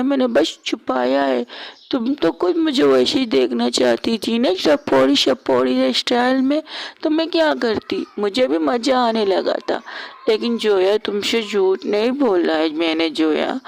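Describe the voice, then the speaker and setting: A woman voicing a tipsy, clingy young woman who pleads in a whiny, drawn-out way and keeps repeating herself. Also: fairly high pitch, creaky. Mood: rambling. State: drunk.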